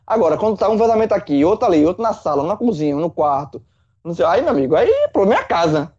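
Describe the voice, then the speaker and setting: A man, a football pundit in casual chat, animated, swearing and full of folksy analogies. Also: sits high, rapid-fire, lo-fi sound. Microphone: remote call.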